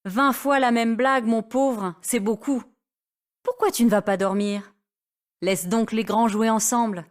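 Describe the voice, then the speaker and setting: A woman voicing a spirited, sharp-tongued teenage girl who speaks in a firm manner. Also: a little high, steady tone, a little slow, natural voice. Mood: scolding. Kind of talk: audiobook character voice.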